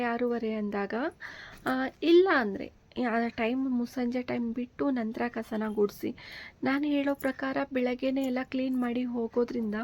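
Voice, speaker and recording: A woman's voice: a little high, a little mellow. A woman hosting a channel, giving casual household advice in a chatty way, with frequent fillers and checks for agreement.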